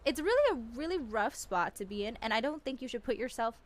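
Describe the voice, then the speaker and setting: In an in-character roleplay chat, a woman playing a gang member gives earnest advice packed with "like" and restarts. Her voice is a little high, very animated, and brisk.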